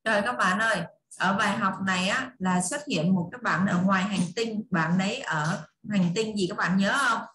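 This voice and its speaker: Một cô giáo giọng miền Nam dạy tiếng Anh trực tuyến cho trẻ em, hay nhắc lại, giải thích và dỗ dành học trò. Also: female voice, medium pitch, moderate pace, fairly bright tone. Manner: coaxing, repeating, explaining. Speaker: online English tutor for children. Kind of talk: teaching English to kids. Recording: echoey room, faint hiss and clicks.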